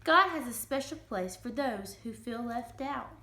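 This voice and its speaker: A woman voicing a kind old storybook cow, gentle and reassuring, who comforts a friend. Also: on the high side, expressive, a little slow, exaggerated voice. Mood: comforting. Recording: roomy, echoing room sound.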